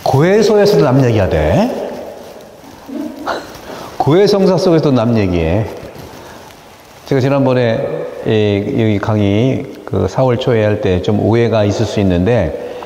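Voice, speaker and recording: A middle-aged priest speaks in a mellow, warm voice, quizzing his parishioners and acting out a noisy crowd to make his point. The sound rings around a large church hall with a long, echoing reverb. A faint room hum sits underneath. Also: lowish voice, a little slow, pauses often. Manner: lively, questions the audience, acts out noisy crowds. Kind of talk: sermon and teaching talk to parishioners.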